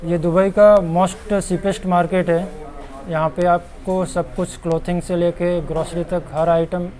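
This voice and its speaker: A man's voice: on the high side, darkish tone, rough recording. A young man vlogging a walking tour of a market, chatting and pointing things out to viewers, recorded on a lapel mic outdoors and in shops. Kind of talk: casual walking-tour vlog. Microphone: clip-on lapel mic.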